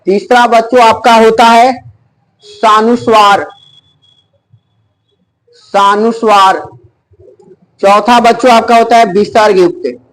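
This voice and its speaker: A man teaching an exam-prep Hindi grammar lesson, slowly repeating each term and quizzing his students. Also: extremely high pitch, steady tone, poor audio.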